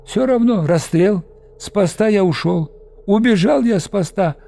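A man's voice: sits high, normal speed, creaky, warm tone, pitched above the performer's own voice. A man voicing a frightened young male deserter soldier who pleads tearfully in a thin, whimpering voice, in an audiobook. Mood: tearful pleading. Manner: whimpering, sniffling plea.

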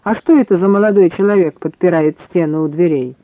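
A man's voice: high-pitched, brisk, no room sound, lo-fi sound, natural voice. A man voicing a jittery, fussy old male historian who yelps and shrieks in an audiobook. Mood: testy. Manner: yelping, fussy.

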